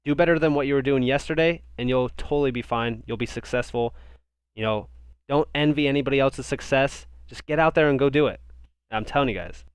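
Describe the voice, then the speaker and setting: A man's voice: mid-range voice, a little fast, clean tone, no room sound, clean studio sound. A young man from the United States hosting a crypto live stream, reading viewer comments and answering in a casual, rambling way, often repeating words. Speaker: crypto livestream host.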